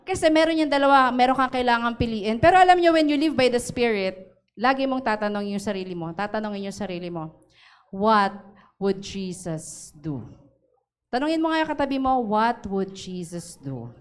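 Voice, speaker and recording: A woman pastor preaching at a church service, with a voice set a little high. Her tone is smooth and resonant. She keeps checking in with the congregation through quick tag questions and easy laughs, sliding between Tagalog and English. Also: expressive. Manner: switches between Tagalog and English mid-sentence. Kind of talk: sermon.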